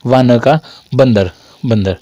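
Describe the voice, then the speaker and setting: Speaking slowly in a mellow, medium-pitched voice, the young Hindi teacher has a cold that's given him a sore throat. He chats and repeats himself through the online grammar lesson, tossing jokes to his students, in a recording with no room sound.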